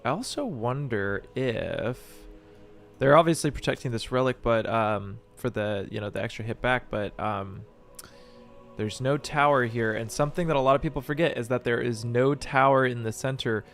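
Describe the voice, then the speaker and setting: Male streamer, gravelly, middle pitch, live gameplay commentary, prone to loud outbursts. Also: moderate pace, faint music behind. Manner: excitable, bursts into shouts and laughter. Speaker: streamer and channel host.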